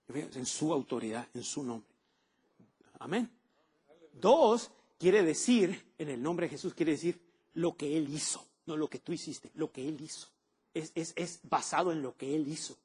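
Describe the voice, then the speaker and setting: A man's voice: fairly high pitch, breathy edge. A man preaching a sermon, emphatic and often asking the congregation questions. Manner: emphatic, asks the audience questions.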